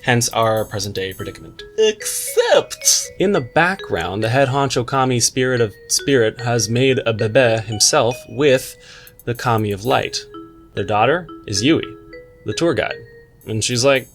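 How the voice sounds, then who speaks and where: A man hosting a video book review delivers scripted commentary in a wry, tongue-in-cheek way, dropping slangy asides. His mid-range voice is expressive and measured in pace, with soft music behind it.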